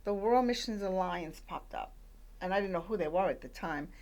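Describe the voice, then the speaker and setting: A woman's voice: lowish voice, lively intonation, moderate pace, a little mellow. An older woman from Puerto Rico, raised in the Bronx, chatting as a radio guest with many fillers and restarts as she tells her life story. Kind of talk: conversational storytelling.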